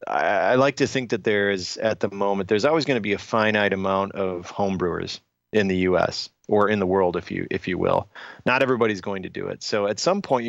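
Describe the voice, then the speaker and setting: A man talking as a guest in a podcast interview, measured and explanatory, with frequent fillers and restarts. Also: low-pitched, vocal fry, fairly bright tone, no echo, highs cut off. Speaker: industry guest.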